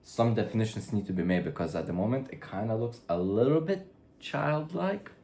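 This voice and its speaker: A man talking through his drawing work in a rambling way, now and then yelling toward a camera set far away. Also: on the low side, fast. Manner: musing, trails off, then loud mock drill-sergeant yelling. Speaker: artist narrating his drawing process. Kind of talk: rambling studio commentary. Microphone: far camera mic. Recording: echoey room from far off.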